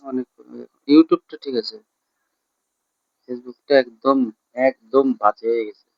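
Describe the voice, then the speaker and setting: A man of medium pitch chats with his wife in a low-key way, often dropping to a soft mumble. The recording is dry and dull, with a lo-fi home sound. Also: slow, no echo. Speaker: vlogger's husband. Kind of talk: casual chat with his wife.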